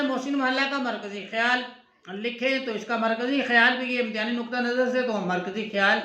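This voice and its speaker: A man with a Pakistani Urdu accent, teaching an exam-prep lesson and going slowly and deliberately through the answers, repeating words for his students. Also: sits high, pushed and bright, echoey room.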